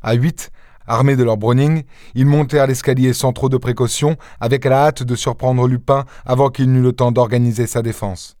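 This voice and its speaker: A man narrating a classic literary tale in a steady, expressive storytelling manner, as an audiobook narrator. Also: mid-range voice, moderate pace, no room sound, clean studio sound.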